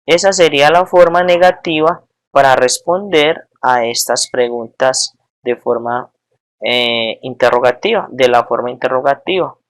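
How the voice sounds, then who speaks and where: Teacher, recorded lesson, unhurried delivery, patient, repeats and checks understanding often. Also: medium pitch. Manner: patient, checks understanding with frequent tag questions; spells out each form slowly and repeats it.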